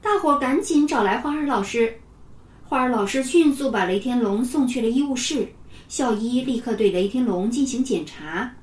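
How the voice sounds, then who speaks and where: A woman narrating a children's story in a lively, expressive way. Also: fairly high pitch, normal speed, distant mic. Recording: roomy, from off the mic.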